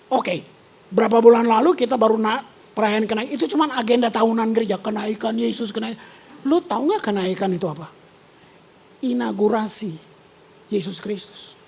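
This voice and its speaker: A woman pastor, preaching a sermon in an animated, slangy way with English words mixed in. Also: on the high side, moderate pace, creaky, slight background noise.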